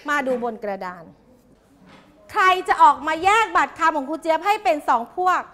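A woman teaching a class of young pupils, coaxing answers out of them with quick, repeated questions. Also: high-pitched, very animated, fairly bright tone. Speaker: primary school teacher.

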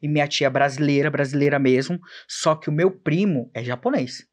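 A man's voice: a little high, a little fast. A young man, a podcast guest chatting casually and acting out quoted dialogue as he tells stories. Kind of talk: casual chat.

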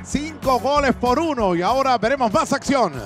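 A man calling football penalties as play-by-play commentator, stretching his goal shouts out long. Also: very high-pitched, animated, normal speed. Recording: broadcast with crowd and music behind.

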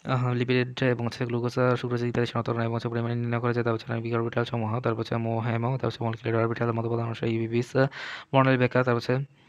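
A man teaching chemistry in a fast exam revision lecture, rattling through points one after another with the same connective phrase between items. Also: medium pitch, monotone, clear, resonant tone, no room sound, muffled recording. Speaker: chemistry tutor.

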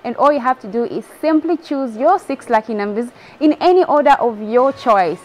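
A young woman with a Zambian accent presenting a live lottery draw as host, announcing and repeating numbers deliberately. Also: on the high side, expressive, darkish tone. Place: large TV studio, indoors. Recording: clearly noisy studio ambience.

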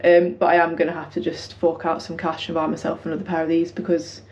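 A woman's voice: low-pitched, completely flat delivery, fast talker, a little mellow, dull audio. A young British woman chatting casually to her vlog in a colloquial, self-deprecating way. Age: young adult. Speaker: running vlogger. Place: indoors in a house hallway. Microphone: camera at arm's length or propped nearby.

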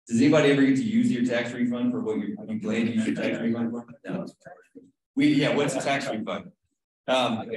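Conversational man teaching Bible study. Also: mid-range voice. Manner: conversational, asks the group questions, frequent "right?". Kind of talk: casual Bible study teaching on a video call. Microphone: video call. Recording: very echoey room.

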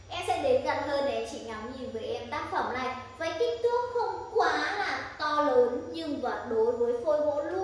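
Young woman, eager sales pitch, high voice, reverberant room. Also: slight background noise. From northern Vietnam. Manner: eager, persuasive, addresses viewers directly. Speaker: wood carving seller. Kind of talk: product showcase sales pitch. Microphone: handheld phone camera.

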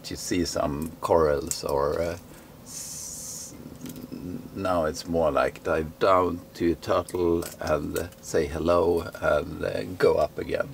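On a sailboat deck at anchor, a sailing vlogger from Sweden, a middle-aged Swedish speaker, talks casually in English, full of fillers and hesitation. His low, creaky voice stays steady and slow against slight background noise.

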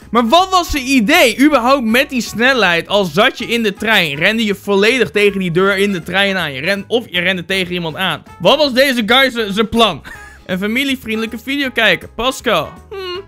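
Bright, high-voiced joking Dutch YouTuber man. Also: normal speed, soft background music. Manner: playful, self-mocking, swears, slips into English phrases; bursts into loud shouts. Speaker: YouTuber reacting to fan posts. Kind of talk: casual joking commentary.

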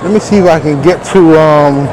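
A male vlog host, masked and walking through a busy indoor convention hall, talks in easygoing slang. His voice is on the high side and his pace moderate. The recording is noisy from crowd chatter and hall sounds.

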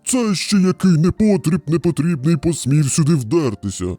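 A man's voice: fairly high pitch, expressive, mellow, dry recording, faint music behind. A man voicing a huge, hungry, furious bear in a children's fairy tale, roaring and dragging out his words. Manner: roaring, drawn-out growling delivery. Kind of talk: storybook character voice.

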